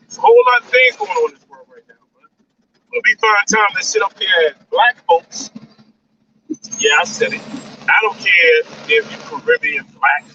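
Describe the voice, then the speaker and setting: High-pitched, emphatic man lecturing from a car. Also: wildly swooping pitch, normal speed, pauses often, sharp tone, distant mic, a little hiss or hum. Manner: emphatic, repetitive, lecturing, ends lines with "man". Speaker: livestream host. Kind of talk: casual livestream talk. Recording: dull lo-fi sound from off the mic.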